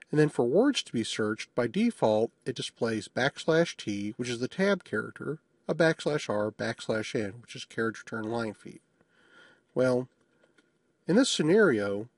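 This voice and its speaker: A man talks through a software demo in a relaxed, matter-of-fact way, throwing in the odd small joke. His mid-pitched voice is a bit husky. It is recorded dry and close, with no room sound. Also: no echo. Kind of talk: screencast tutorial narration.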